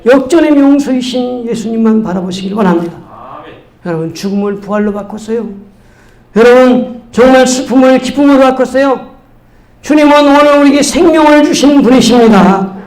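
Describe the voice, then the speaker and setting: A male pastor preaching a Sunday sermon with fervent, rising exhortation. His voice sits fairly high for a man. He urges his listeners on in emphatic bursts. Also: moderate pace, darkish tone, poor audio.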